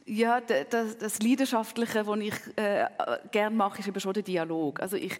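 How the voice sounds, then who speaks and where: Swiss German woman, French-born speaker, lively and laughing interview guest, long reverb tail. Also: medium pitch, moderate pace. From grew up in Paris, Hamburg and Zurich. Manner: lively, laughs often, many fillers. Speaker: guest, dialogue writer. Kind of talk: casual interview chat.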